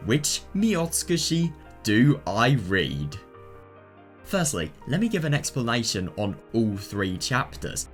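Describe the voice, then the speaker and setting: A man narrates a scripted explanatory video guide, taking it slowly in a medium-pitched, very animated voice. He delivers the instructions methodically over background music.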